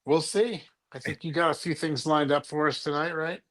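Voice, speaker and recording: Man, middle-aged, from California, slightly high voice, joking, rambling podcast talk. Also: steady tone, normal speed, a bit bright. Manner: joking, hands out nicknames, rambles with restarts. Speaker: co-host. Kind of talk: casual podcast chat.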